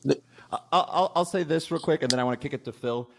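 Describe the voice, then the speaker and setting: A man's voice: a little high, quick pace, creaky, slight background noise. A man in his early thirties co-hosting a casual podcast chat, teasing and playful with his guests. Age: early 30s. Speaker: co-host.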